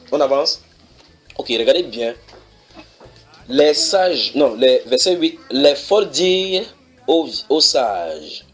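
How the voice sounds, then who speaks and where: Man preaching, slow verse reading. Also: mid-range voice. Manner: reads verses slowly then explains, asks the audience if they follow. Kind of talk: sermon teaching. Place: church.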